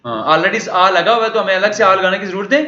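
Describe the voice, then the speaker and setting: A man's voice: sits high, fast talker, pushed and bright. A man teaching a language lesson, walking through a recorded dialogue and repeatedly asking questions that he answers himself. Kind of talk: lecture explaining a recorded dialogue. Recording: echoey room, dull lo-fi sound.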